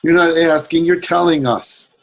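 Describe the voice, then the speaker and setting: A man's voice: a little high, fairly even intonation, normal speed, vocal fry. A man on a group call giving playful, nitpicking feedback on chapter titles. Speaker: workshop participant giving feedback. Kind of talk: casual group video call.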